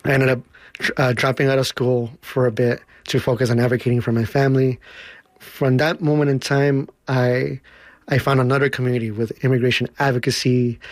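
A man's voice: medium pitch, dry recording. Earnest man telling his story, dry sound. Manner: earnest, quick bursts with slow emphatic stretches. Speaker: dance instructor and organizer. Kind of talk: reflective interview storytelling.

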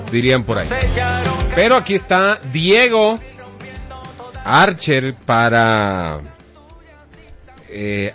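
A man's voice: medium pitch, fairly bright tone. A man from Colombia hosting an interview, asking questions in a friendly, playful way. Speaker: radio host. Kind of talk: casual interview talk. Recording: dull lo-fi with faint music.

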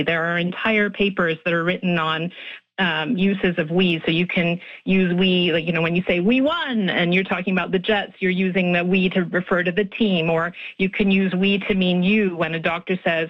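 Her voice lowish and the sound lo-fi, a linguist being interviewed on radio talks through her research. She comes across as thoughtful, laughing readily, with frequent restarts and fillers.

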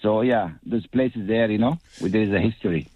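A man's voice: lowish voice, fairly quick, no room sound. A man from Morocco, calling in to a radio show by phone and talking in a hesitant way, with many fillers. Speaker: radio caller. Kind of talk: casual phone chat. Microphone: phone line. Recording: dull lo-fi phone line.

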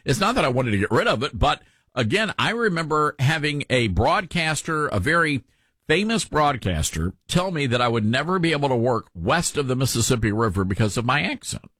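A man's voice: mid-range voice, very animated, a little fast, fairly bright tone, breathy edge, no echo. A man with a mellowed Southern American accent hosting talk radio in a conversational, folksy way. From Southern US, Tennessee.

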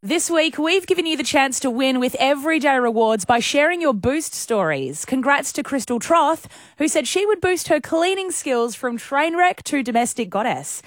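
A woman's voice: sits high, animated, normal speed, dry recording. A woman with an Australian accent presenting on the radio in a promotional chat style. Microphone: close studio microphone.

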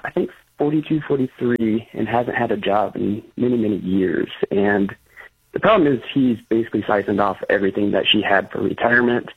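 A man calling in over a phone line, explaining his question in an earnest, halting way. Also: lowish voice, vocal fry, breathy edge. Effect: phone line into the show. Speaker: caller. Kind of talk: call-in advice question. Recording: tinny phone line that breaks up.

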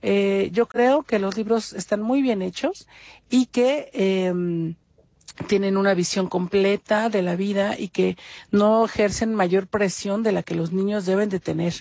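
A woman's voice: medium pitch, steady tone, measured pace, mellow, no echo. A woman from Mexico City leaves a phone voice message for a radio program, speaking with a Mexico City Spanish accent in a mid-range voice. She talks earnestly and fluently, stringing items together in long runs. The sound is dry and close, with no room around it. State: leaving a recorded voice message for a radio show. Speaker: radio caller. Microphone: phone voice note.

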